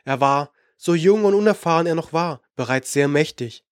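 Guy narrating fantasy audiobook, measured n dramatic, bit higher voice, dry. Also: animated, clean tone, no echo. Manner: measured, dramatic, slowing for suspense.

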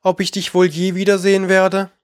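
A reader voicing a polite, curious young girl, eager and quick to apologise. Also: medium pitch, monotone, no echo, clean studio sound, voice pushed up, close to an everyday voice. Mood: sad.

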